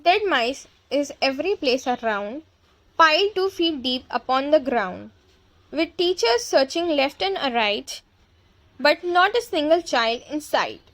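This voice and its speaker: A woman's voice: sits high, expressive, unhurried, fairly bright tone, no echo, full character voice. A woman voicing a disgusting old witch from a storybook, theatrical and gleefully menacing as she gloats and rants. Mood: gloating. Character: gloating, disgusting old Grand High Witch ranting to her audience. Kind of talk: storybook character voice in an audiobook reading.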